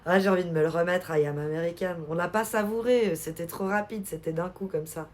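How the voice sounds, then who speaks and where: A woman's voice: lowish voice, a little fast, slight background noise. A woman streamer chatting casually on a live stream, answering her chat and laughing often.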